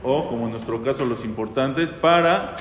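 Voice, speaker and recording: A rabbi teaching a casual lesson on prayer law, talking conversationally, asking questions and quoting prayers aloud. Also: male voice, mid-range voice, normal speed, a little hiss or hum. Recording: echoey hall with faint ambience.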